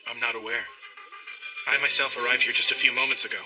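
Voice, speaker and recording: A man's voice: medium pitch, flat delivery, fast, recorded from a distance, over music, natural voice, low-quality recording. An actor playing a reserved, loyal male instructor who speaks formally in an anime English dub. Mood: subdued. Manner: formal, subdued.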